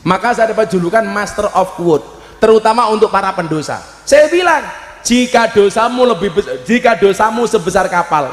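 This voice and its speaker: A high-voiced man with a Javanese accent delivers a joking sermon to a live gathering and keeps breaking into loud, emphatic shouts. His voice rings through a big hall with a long, echoing tail. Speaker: preacher. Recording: echoey hall with long reverb.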